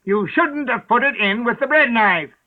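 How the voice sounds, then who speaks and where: A man's voice: very high voice, animated, normal speed, voice pushed up. A man voicing the Hatter, an eccentric, rude, riddling man, with an abrupt, theatrical delivery. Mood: excitable. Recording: narrow phone-like sound.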